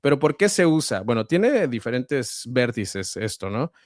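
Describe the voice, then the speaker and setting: A man with a central Mexican accent, a voice-over artist and guest, explaining at a measured pace with frequent hesitations. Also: mid-range voice, very animated, no echo, studio quality. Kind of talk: conversational interview answers.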